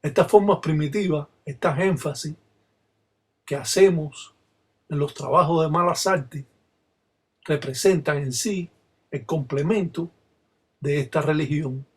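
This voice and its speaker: A man, a Palo Mayombe practitioner, explaining a ritual in Spanish and reciting its chants in a steady rhythmic way. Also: on the high side, a little slow, pauses often, breathy edge. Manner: rhythmic call-and-response recitation.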